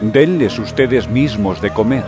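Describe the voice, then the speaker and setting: An actor playing a calm, authoritative holy teacher in a Bible drama, with a husky voice and gentle command. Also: male voice, medium pitch, measured pace, music in the background, lightly acted. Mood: calm authority.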